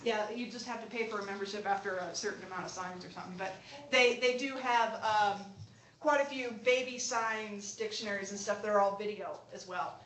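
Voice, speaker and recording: A woman's voice: mid-range voice, fairly even intonation, brisk, fairly bright tone, a little hiss or hum. A young adult woman, a college instructor, giving a chatty, informal classroom lecture with frequent laughs and restarts. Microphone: distant room mic. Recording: echoey classroom from far off.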